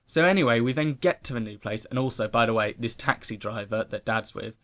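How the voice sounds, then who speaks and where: A young-sounding man rattles through a personal story in a casual vlog, animated and excitable. His voice is bright and forceful, with plenty of emphatic exclamations. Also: medium pitch, fairly quick. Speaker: vlogger telling a personal story.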